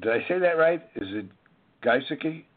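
Slow-talking man on a phone line. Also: medium pitch. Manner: slow, deliberate, with many fillers and restarts. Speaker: show host. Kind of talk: legal talk show interview. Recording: tinny phone-line sound.

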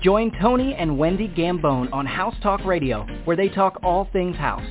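A man's voice: high voice, big pitch swings, moderate pace. Polished male announcer over music. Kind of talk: scripted radio promo. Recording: tinny radio audio with music behind.

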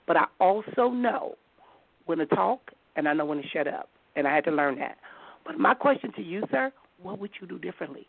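A man's voice: high voice, expressive, brisk, creaky, no room sound. A man hosting a live call-in talk show, firmly putting questions to callers while losing his voice. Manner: firm, steering the callers with questions. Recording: phone-line quality audio.

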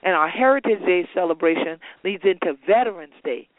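A man hosting a history talk, speaking in an emphatic, deliberate storytelling manner. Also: high-pitched, expressive, dry recording. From Gullah Geechee lowcountry of coastal South Carolina. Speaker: show host and heritage speaker. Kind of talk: spoken history talk to an audience. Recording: thin phone-like radio sound.

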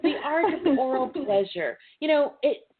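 A woman with a high-pitched, very animated voice hosts a call-in talk show, chatting at an unhurried pace in a playful, informal way. She comes through a tinny, noisy phone line.

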